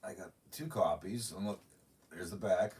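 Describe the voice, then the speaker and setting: Middle-aged male streamer, lowish voice, ranting chat, slightly distant mic with faint room noise. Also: normal speed. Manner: ranting, talks to his cats. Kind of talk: rambling live-stream chat.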